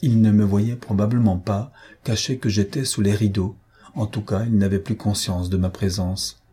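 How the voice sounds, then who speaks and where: A man reading a novella aloud in the first person, in a measured, sober way. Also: on the low side, steady tone, mellow, slightly rough. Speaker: audiobook reader.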